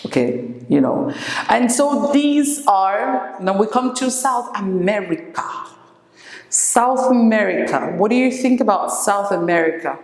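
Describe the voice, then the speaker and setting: A woman teacher giving an English lesson, slowly repeating each word for her pupils. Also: medium pitch, animated, creaky, darkish tone. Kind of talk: classroom lesson. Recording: echoey room with long reverb.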